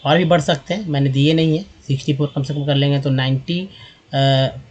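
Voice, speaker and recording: A man's voice: fairly high pitch, steady tone, fairly quick, a little mellow. A man teaching English reading from slides, patiently repeating and drilling each sound for viewers he calls friends. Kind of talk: slide-based lesson.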